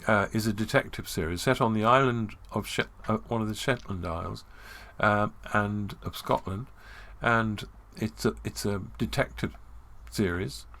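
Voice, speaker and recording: A man's voice: fairly low pitch, normal speed, hardly any pauses, a bit bright. A man in casual chat, a rambling, self-mocking storyteller. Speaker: podcast host.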